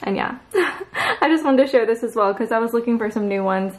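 A lifestyle vlogger in her twenties talks casually to her viewers from her bedroom and dressing room, her fairly high voice moving a little fast. She's chatty and upbeat, full of "like" and "you guys," and the camera mic picks up a roomy home echo.

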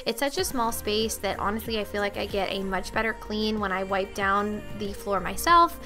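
Young woman, chatty voice-over, crisp bright tone, faint music behind. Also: medium pitch, animated, normal speed. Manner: chatty, friendly explaining. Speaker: cleaning vlogger. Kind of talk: voice-over narration.

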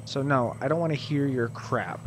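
A man's voice: mid-range voice, moderate pace. Gamer, male, mid-range voice, irritated running commentary, game noise in the background. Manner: exasperated, swears, talks to his viewers. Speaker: video game player. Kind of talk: casual gameplay commentary. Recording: game sound playing loudly under his voice.

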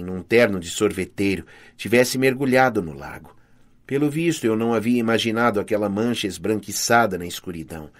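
Expressive Brazilian Portuguese male narrator. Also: on the low side. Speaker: audiobook narrator. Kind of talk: scripted first-person audiobook narration.

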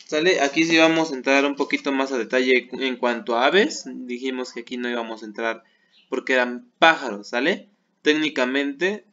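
Slow, bright-voiced man teaching. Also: medium pitch, lo-fi sound. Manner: patient, keeps checking with "¿sale?". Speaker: English teacher. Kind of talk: online class explaining English words.

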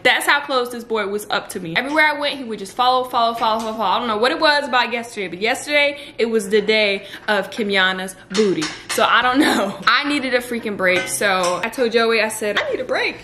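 High-pitched mom vlogging at home, laughs a lot, slangy, lots of clicks and noise behind her. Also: pushed and bright. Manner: candid and slangy, laughing often. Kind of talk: casual vlog chat to camera.

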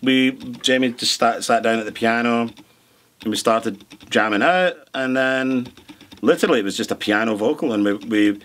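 A man's voice: medium pitch, moderate pace, a bit bright. A middle-aged man, a producer and songwriter, chatting in an interview, rambling with lots of restarts and fillers. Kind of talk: relaxed interview chat.

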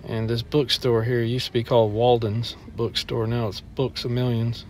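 Handheld phone in hand, a middle-aged vlogger tours an indoor shopping mall on foot and complains bluntly as he records. His medium-pitched voice is level and darkish, his speed normal, with slight background noise.

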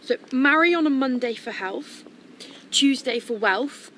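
A woman's voice: sits high, expressive, measured pace, fairly bright tone, a little hiss or hum, low-quality recording. An actress playing a blunt, cheeky young woman at a wedding in a radio drama. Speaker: Chelsea, a wedding guest.

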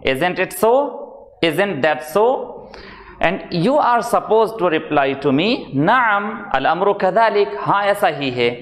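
Male online tutor, slow deliberate drills, roomy echo. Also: sits high, animated, a bit bright. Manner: slow, deliberate drilling, mixing Hindi, English and Arabic phrases. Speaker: Arabic teacher. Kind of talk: online language lesson.

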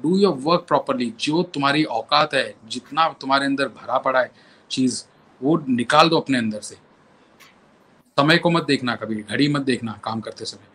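A middle-aged man, a musician guest telling animated anecdotes in an interview and acting out other people's lines. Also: medium pitch, a little slow, slightly rough. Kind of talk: storytelling in an interview.

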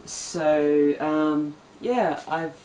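A woman's voice: low-pitched, very slow, warm tone, a little hiss or hum. A young woman from Australia chatting to her camera at home, hesitant and full of ums. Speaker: vlogger. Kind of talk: casual chat to camera. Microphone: camera mic. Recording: echoey room, mic at a distance.

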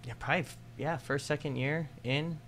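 A man's voice: fairly high pitch, steady tone, fairly quick, fairly bright tone. A man in his thirties hosting a casual podcast, prompting his guest with friendly questions into a studio mic. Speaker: podcast host, tattoo artist. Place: small studio with red curtains. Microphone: studio mic on boom arm, headphones.

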